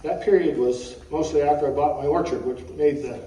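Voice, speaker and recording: A mature man delivers a eulogy from notes as a string of folksy, wry stories. His voice is mellow and slightly high for a man. He is heard some way from the mic in a roomy space. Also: brisk. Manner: wry, folksy storytelling, often clearing the throat. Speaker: eulogist at a funeral. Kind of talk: personal eulogy read from notes, with humorous anecdotes. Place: echoey room at a funeral service. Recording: roomy, distant mic with faint background noise.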